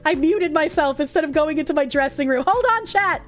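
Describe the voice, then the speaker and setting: A woman's voice: high voice, brisk, soft background music. A woman with a Boston accent hosting a livestream, chatting casually and bawdily with her viewers, joking and swearing freely. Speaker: livestream host.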